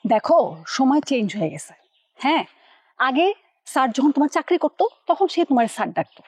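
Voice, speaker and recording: A shrill headstrong young wife. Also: female voice, big pitch swings, quick pace, no room sound. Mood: defiant. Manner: complaining, talking back.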